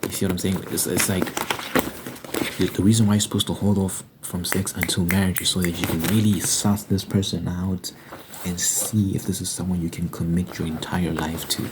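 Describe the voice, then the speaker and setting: A man's voice: low-pitched, little pitch movement, normal speed, heavy background noise. A man giving a casual, opinionated monologue as a video host, speaking emphatically and repeating phrases for stress.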